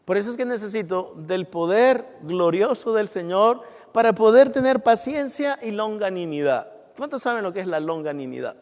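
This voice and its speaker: Male pastor, conversational sermon delivery, fairly high voice, echoing church hall. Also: expressive, normal speed, darkish tone. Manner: conversational preaching with rhetorical questions and personal confessions. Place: church sanctuary.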